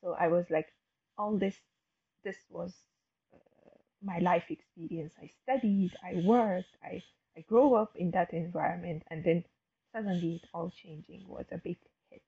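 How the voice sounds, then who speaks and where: A woman's voice: lowish voice, normal speed, gravelly, warm tone, husky, highs cut off. A woman, a guest telling her story hesitantly, with many fillers and restarts. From Afghanistan. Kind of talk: casual interview talk.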